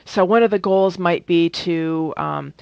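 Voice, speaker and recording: Woman trainer, chatty and halting, muffled lo-fi sound, dry. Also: lowish voice, gravelly, darkish tone, clean tone, no echo. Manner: conversational, many fillers and restarts. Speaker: workshop trainer. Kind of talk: training presentation. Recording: dull, dry lo-fi recording.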